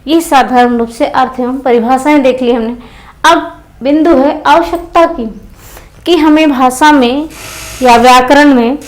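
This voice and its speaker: A woman's voice: high voice, rough recording. A woman teaching an exam-prep grammar lesson, who repeats key phrases and puts questions to her students.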